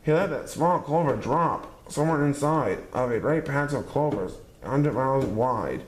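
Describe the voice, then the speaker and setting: A man reads a rhyming picture book aloud with a measured, sing-song rhythm and the odd stumble. His voice sits at an ordinary middle pitch, and the room is echoey, with a constant layer of noise underneath. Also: expressive. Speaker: storybook reader.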